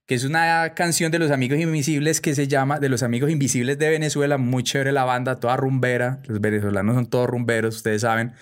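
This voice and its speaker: A man's voice: medium pitch, steady tone, fast talker, hardly any pauses. A young adult Colombian man hosting a casual commentary monologue, chatty and full of tag questions. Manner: chatty, peppers speech with "pues" and "¿cierto?". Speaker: host.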